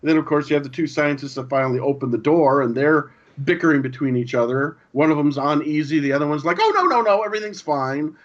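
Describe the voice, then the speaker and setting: A man co-hosting a gaming podcast, chatting casually and telling stories with lively acted-out lines. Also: fairly high pitch, fast, hardly any pauses. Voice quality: animated storyteller, acts out game lines. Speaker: podcast co-host. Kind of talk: casual chat. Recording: dull lo-fi audio.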